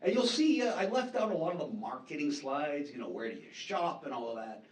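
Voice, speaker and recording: A man with a New Hampshire accent, a slightly high voice, and lively intonation gives a casual conference presentation on market research, speaking a little fast. He's chatty and self-deprecating, full of fillers and repeats, recorded on a distant mic in an echoey conference hall.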